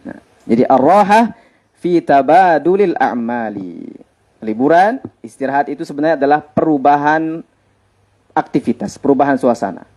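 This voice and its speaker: A man's voice: fairly high pitch, expressive, fairly quick, a little mellow. A man, a teacher at an Islamic boarding school giving students holiday advice in a conversational way, repeating his points for emphasis.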